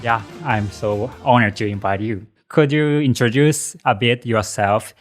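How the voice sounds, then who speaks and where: A man whose first language is Japanese, hosting an interview politely in halting English with frequent restarts. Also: mid-range voice, faint music behind. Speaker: podcast host.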